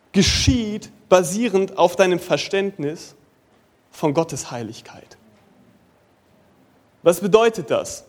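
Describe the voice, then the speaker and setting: High-voiced young man preaching casually. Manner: casual youthful preaching, mixing in English slang, shifting from lively to soft and slow. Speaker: pastor. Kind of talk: sermon.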